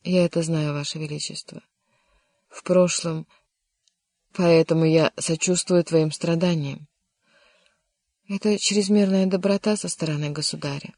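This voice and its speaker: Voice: medium pitch, fairly even intonation, measured pace, pauses often, a little mellow, no room sound, natural voice. A reader voicing a melancholy, lovesick young nobleman in an audiobook, earnest and bitter. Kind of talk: audiobook character reading.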